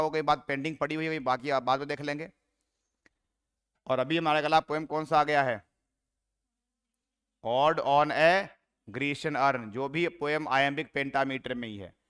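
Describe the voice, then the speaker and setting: A man's voice: fairly high pitch, fairly bright tone, smooth. A man teaching a poetry lesson, going step by step and counting out syllables and stresses aloud.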